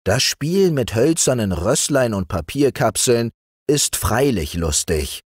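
A man reading aloud voices a smooth-talking male sorcerer who flatters and tempts. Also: mid-range voice, slow pace, dry recording, clean studio sound, pitched above the performer's own voice, full character voice. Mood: coaxing. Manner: persuasive, bowing and flattering.

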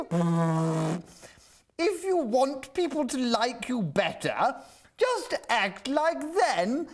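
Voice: mid-range voice, exaggerated voice. A performer playing a silly, eager adult man in a kids' puppet show, with bouncy put-on voices. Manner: bouncy, goofy, swooping voice put-ons.

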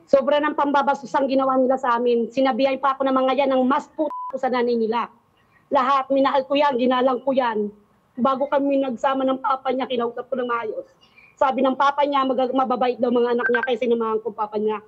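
A woman's voice: high voice, steady tone, a little fast. A woman caller defending herself, insistently explaining her side. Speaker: caller answering a complaint. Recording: dull lo-fi phone line.

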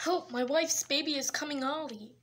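A woman's voice: high voice, normal speed, a bit bright. A woman performing every character in a homemade toy-pet hospital short, switching from whispers to squeals. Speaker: toy video maker voicing all characters. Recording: faint background hiss.

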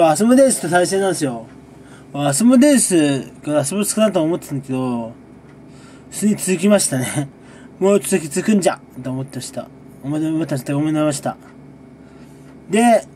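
A gaming YouTuber with a slightly high voice rambles casually through a monthly recap, relaxed and chuckling often as he sips a drink. There's a bit of background noise.

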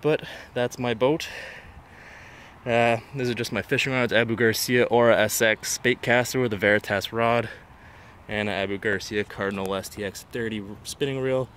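A man's voice: mid-range voice, steady tone, normal speed, a bit bright, a little hiss or hum. A man giving a casual, enthusiastic walkthrough of his fishing canoe, filmed outdoors on a handheld phone. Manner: enthusiastic, plain-spoken. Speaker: angler showing his canoe. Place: outdoors on a lawn. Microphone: handheld phone camera.

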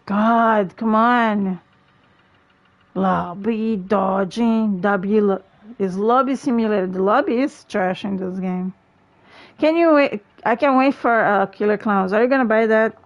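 A young woman livestreams a game from her gaming chair at home, chatting playfully with teammates and laughing often. Her mid-range voice is gravelly and measured, and the recording has its highs cut off.

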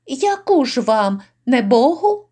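A woman's voice: high-pitched, big pitch swings, takes it slowly, mellow, slightly rough, heavily acted. A woman voicing a frightened, cringing old male innkeeper who pleads and wails. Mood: pleading. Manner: pleading, wailing.

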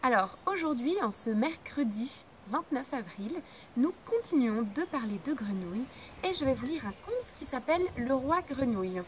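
Animated woman reading a fairy tale to children. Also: high-pitched, moderate pace, a little hiss or hum. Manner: animated storyteller.

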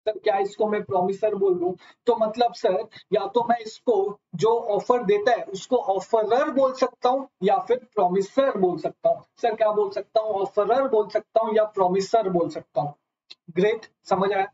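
A man's voice: high voice, moderate pace, dark tone, slightly rough. A man teaching a live online lecture, asking his students question after question and calling them sir. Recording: slightly dull lo-fi audio.

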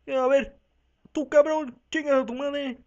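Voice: sits high, fairly even intonation, a little slow, darkish tone, dull audio. A speaker with a Mexican accent doing a rowdy, profane comic parody dub of a talk show, voicing every part and switching between voices. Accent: Mexican Spanish.

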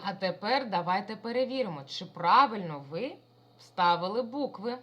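A woman's voice: mid-range voice, animated, normal speed, dull audio. A woman primary school teacher giving a recorded lesson to young children, talking in an affectionate, sing-song way.

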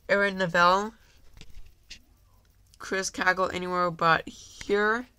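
A YouTuber with a cold records a casual, rambling monologue at home on a handheld camera, heavy on fillers and apologies and always saying "guys" to viewers. His high-pitched voice is slow, pushed and bright, with fairly even intonation and a clean tone.

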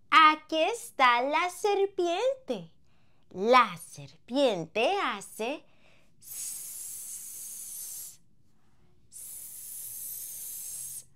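A woman teaching small children, singing and talking slowly in a playful sing-song way, with animal sounds and gentle shushing. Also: high-pitched. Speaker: preschool Spanish teacher.

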